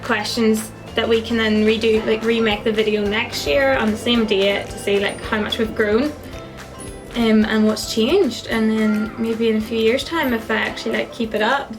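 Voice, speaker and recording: A young Northern Irish woman in her twenties chatting casually, with a fairly high voice and plenty of giggles and "like"s. She talks easily to camera from a student flat while music plays clearly behind her. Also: low-quality recording. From Northern Ireland, County Antrim. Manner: chatty, giggly, lots of fillers. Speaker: vlogger, student. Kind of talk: casual chat.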